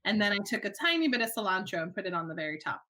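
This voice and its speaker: A bright, lively woman in her thirties chats as an interview guest, telling stories and laughing often. Her tone is clear and forward, neither high nor low in pitch. She talks in an easy, conversational way. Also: racing. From born in Alabama, raised in Miami. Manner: chatty, laughs often, storytelling. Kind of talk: casual interview chat.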